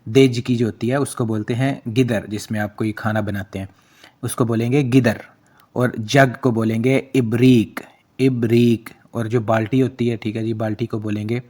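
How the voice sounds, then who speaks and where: A man's voice: medium pitch, a little mellow. A man, a native Urdu speaker, giving a casual vocabulary lesson, saying each word twice and often adding a friendly "theek hai ji". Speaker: language teacher.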